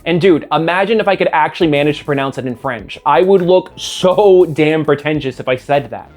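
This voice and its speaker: Sarcastic American man, slightly high voice. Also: brisk, faint music behind. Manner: sarcastic, self-mocking know-it-all. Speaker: video essay host. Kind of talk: scripted commentary.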